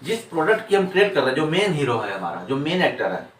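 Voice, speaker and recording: A man with a fairly high, widely swinging voice lectures quickly on accounting in a classroom, repeating points and answering his own rhetorical questions. The room echoes, the mic is distant, and there's faint noise.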